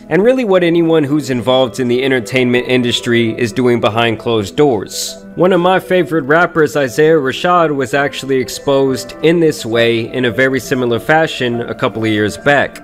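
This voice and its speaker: A man narrating a commentary video in a measured, explanatory way. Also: medium pitch. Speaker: commentary youtuber.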